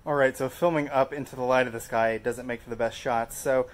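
Young male vlogger, mid pitch, relaxed and chatty reviewer; roomy garage sound, slight noise. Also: fairly quick. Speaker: product reviewer. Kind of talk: casual product review vlog. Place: garage and backyard.

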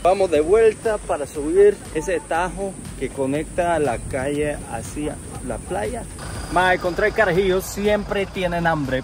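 A man, hosting a casual, enthusiastic travel vlog at arm's length, outdoors and in a car. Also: a little high. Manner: enthusiastic, slangy, selfie-style narration. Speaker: vlogger host. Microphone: phone or camera at arm's length. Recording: background music.

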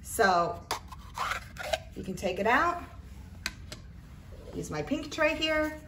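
A woman's voice: fairly high pitch, very animated, slow pace. Chatty woman in a roomy, distant recording. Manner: chatty, informal, talking while handling items. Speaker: craft product reviewer. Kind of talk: casual product demonstration. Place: indoors at a tabletop, roomy. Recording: roomy, distant mic, faint noise, clicking. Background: clicks and rattles of handled items.

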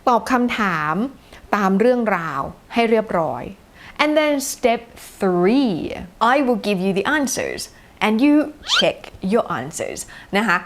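A young woman teacher introducing her listening course in a chatty, lively way, switching between Thai and English. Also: mid-range voice, slow, a little hiss or hum. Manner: chatty, lively, mixes Thai with English phrases, frequent polite particles.

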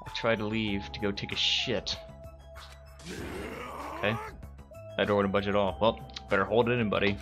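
A man's voice: fairly low pitch, flat delivery, normal speed, pauses often, over music. A man playing a game for the first time and commenting casually, swearing and joking between lines. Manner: profane, joking, reads the game text aloud. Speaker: let's-play gamer.

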